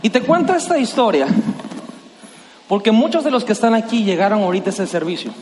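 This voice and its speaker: A male pastor, telling a personal story in a sermon and acting out the scenes with shouts and quoted voices. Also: high voice, expressive, brisk. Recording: echoey hall, slight noise.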